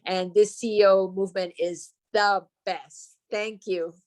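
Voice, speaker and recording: A woman's voice: medium pitch, fairly even intonation, measured pace. A woman who works as a dog trainer giving an earnest testimonial on a video call, with some fillers.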